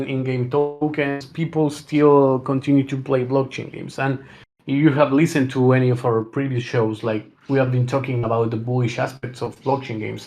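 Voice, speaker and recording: A man's voice: medium pitch, echoey room. A man co-hosting a casual discussion, thinking aloud with many fillers and restarts. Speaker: podcast co-host.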